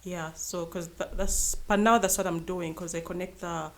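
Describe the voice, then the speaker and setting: A young woman guest in a casual podcast conversation, pausing and restarting as she talks. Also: lowish voice, fairly even intonation. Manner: hesitant, restarts often.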